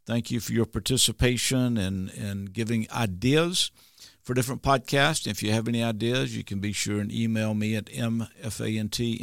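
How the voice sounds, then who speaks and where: Podcast host, man, gravelly, folksy and casual, dry close mic. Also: medium pitch, no echo. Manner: folksy, warm-hearted introductions with many fillers.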